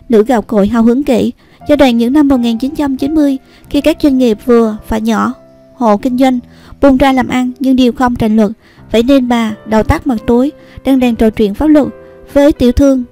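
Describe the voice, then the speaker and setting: A woman narrating a scripted news report in a steady, even read. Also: a little high. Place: voice-over recorded apart from the pictured places.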